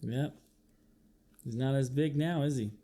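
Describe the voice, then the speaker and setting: This is a man with a mid-range voice reading a children's picture book a little slowly. His teacher-style delivery is expressive and playful, full of acted-out sound effects and questions aimed at young listeners.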